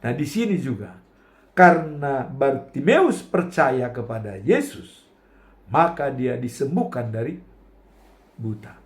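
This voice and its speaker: A man preaching a sermon, slow and emphatic, who pushes his voice up when he quotes a cry. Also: medium pitch, expressive.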